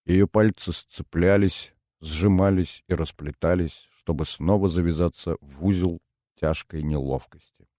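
A man narrating a first-person audiobook in a calm, measured, brooding way. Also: sits low, no echo, studio quality.

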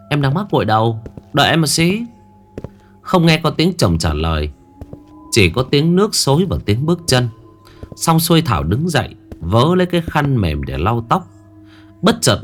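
A man narrating a ghost story in a dramatic, suspenseful way. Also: medium pitch. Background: faint music.

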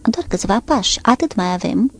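Brief: woman doing a homely, devoted navy steward, respectful and eager, raised voice, gravelly. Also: mid-range voice, lively intonation. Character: loyal, plain-spoken male sailor servant.

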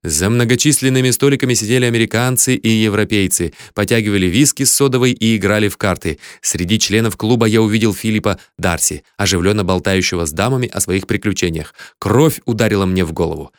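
Low-voiced male audiobook narrator. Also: fast talker, hardly any pauses, clean tone, no room sound, clean studio sound. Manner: vivid, shouts the hero's angry lines. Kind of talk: scripted first-person audiobook narration.

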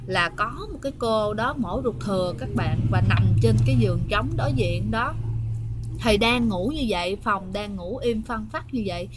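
Southern Vietnamese woman, casual ghost-story host, chatty with frequent pauses, faint background noise. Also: medium pitch. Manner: chatty, frequent hesitations, keeps addressing listeners. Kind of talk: casual spoken storytelling to viewers.

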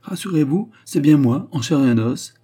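A man putting on a booming, jovial giant of a hunter. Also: expressive, moderate pace, dark tone, husky. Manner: boisterous and hearty.

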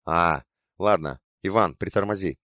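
A man reading an audiobook and voicing a stern, sardonic masked mentor who speaks slowly and irritably. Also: sits low, a bit bright, no echo, studio quality. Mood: irritated. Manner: slow, irritable, dryly mocking.

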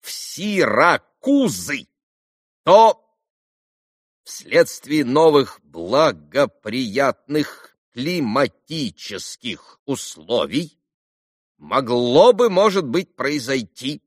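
A man voicing a haughty, impatient doctor who speaks slowly and with weight. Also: mid-range voice, very animated, no room sound, clean studio sound, voice pushed up, heavily acted. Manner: slow, weighty, condescending.

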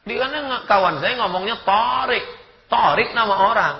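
Man, preacher, humorous sermon, acts out dialogue, fairly high voice, dull lo-fi recording. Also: moderate pace, echoey room. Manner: animated, mimics dialogue and pronunciation.

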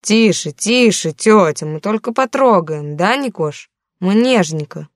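A woman's voice: medium pitch, lively intonation, measured pace, no room sound, studio quality, natural voice. A woman reading the part of a crude, mocking young male street thug in an audiobook. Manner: mocking, vulgar, menacing.

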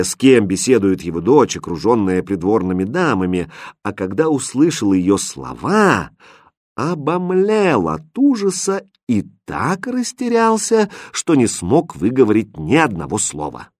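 A man narrating a fairy tale audiobook with expressive storytelling. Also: medium pitch, no echo, clean studio sound.

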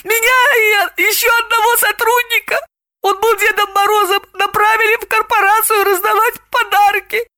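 A shrill, tearful young woman wails in a much higher, louder voice, as a woman narrator puts her on. She sounds frightened and distraught, with a bright, piercing tone. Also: level tone, moderate pace, no room sound, studio quality.

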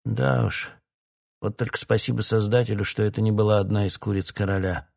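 A man's voice: on the low side, fairly even intonation, a little fast, gravelly, darkish tone, voice pushed up. A man reading an audiobook, voicing a wry male prisoner who keeps the chickens. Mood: wry relief.

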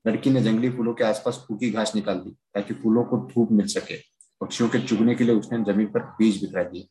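A man narrating a children's story read aloud, steady and even. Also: fairly low pitch, brisk, poor audio.

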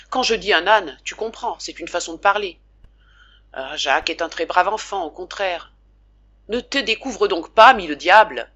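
A woman's voice: mid-range voice, pushed and bright, highs cut off. A woman reading the part of a talkative, affectionate father who fusses over his sick son. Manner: chatty, scolding fondly. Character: doting talkative middle-aged father.

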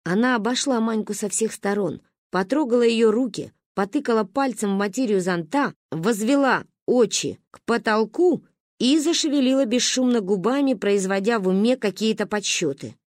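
A woman reads a children's story aloud with an expressive, animated delivery and a lively, rising and falling pitch. Her voice sits a little high, and the sound is dry and close to the mic. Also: normal speed, dry recording.

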